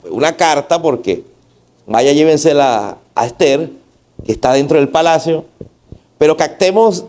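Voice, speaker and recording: A man's voice: fairly high pitch, dark tone. A man preaching a sermon in church, asking the congregation to repeat after him and posing rhetorical questions. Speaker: pastor.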